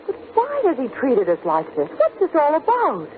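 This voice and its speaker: A woman's voice: sits high, wildly swooping pitch, moderate pace. An actress playing an anxious but spirited lady companion, urgent and refined, in a 1940s radio drama. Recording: noisy, tinny 1940s radio broadcast.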